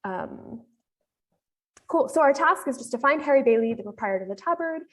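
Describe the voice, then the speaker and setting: A woman's voice: high-pitched, animated, moderate pace, a bit bright. A woman with an American accent giving a casual, explanatory live demo presentation on a panel, talking with frequent fillers.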